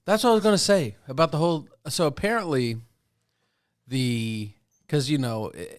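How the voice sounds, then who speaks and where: A man's voice: mid-range voice, normal speed, clean tone, dry recording, studio quality. A man co-hosting a casual podcast chat, laid-back and slangy. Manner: laid-back, says dude a lot. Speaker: podcast co-host.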